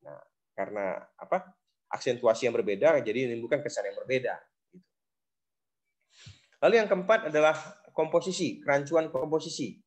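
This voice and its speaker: A man's voice: mid-range voice, lively intonation, moderate pace, pauses often. A man giving a recorded lecture on logic, explaining step by step with frequent fillers. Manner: explanatory, many fillers like "nah" and "gitu". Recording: dull lo-fi recording.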